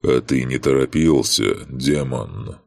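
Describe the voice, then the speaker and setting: A man voicing an ancient male monster who serves a dark god, deep and gravelly, sneering, with a booming echo like a stone cathedral. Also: heavily acted. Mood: mocking. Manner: slow, sneering and contemptuous. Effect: booming cathedral-like echo under stone vaults. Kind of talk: audiobook character voicing.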